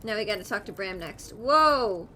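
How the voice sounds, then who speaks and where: A woman's voice: medium pitch, animated, moderate pace, pushed and bright, a little hiss or hum. A woman streaming a game, reacting casually in a gushing, easily moved way.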